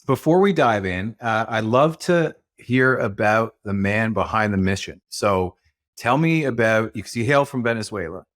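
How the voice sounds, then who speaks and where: A man's voice: lowish voice, expressive, normal speed, fairly bright tone, dry recording, studio quality. A man hosting a podcast, reading an earnest scripted welcome and then chatting casually with his guest. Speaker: podcast host.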